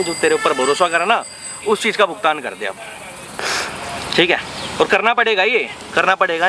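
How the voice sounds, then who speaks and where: A slightly high-pitched man plays a mediating friend who lectures in a calm, coaxing way, as an actor puts him on. The staged scene is set outdoors, with traffic noise clearly heard behind him. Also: natural voice. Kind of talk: staged street confrontation skit.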